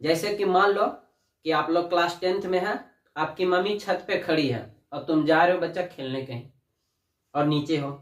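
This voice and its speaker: Male teacher, high-ish voice, quizzing students, roomy echo, distant mic. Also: moderate pace. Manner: addresses students as "बच्चा", asks and answers own questions. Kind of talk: classroom lesson. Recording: echoey room, distant mic.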